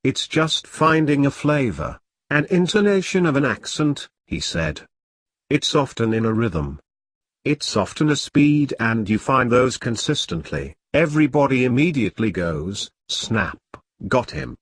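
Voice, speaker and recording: A man's voice: mid-range voice, very animated, a little slow, no room sound. Man narrating a news article, dry. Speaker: news reader.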